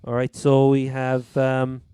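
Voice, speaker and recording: A man's voice: medium pitch, completely flat delivery, slow, dark tone, smooth, no echo. A man with a Cork Irish accent hosting a casual chat about sport. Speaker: fantasy football podcast host.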